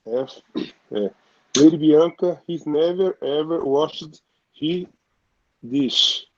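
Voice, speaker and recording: Student guy reading english really slow, stops and restarts a lot, muffled call audio. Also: fairly high pitch. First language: Portuguese.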